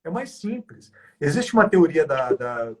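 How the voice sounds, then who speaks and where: Man, guest speaker, fairly high voice, didactic and explanatory, rhetorical questions. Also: very animated, measured pace, a crowd in the background. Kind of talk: explanatory live chat.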